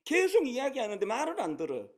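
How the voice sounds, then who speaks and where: A man of about sixty, a pastor preaching a sermon, telling stories in a conversational, animated way and posing rhetorical questions. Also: very high-pitched, fast.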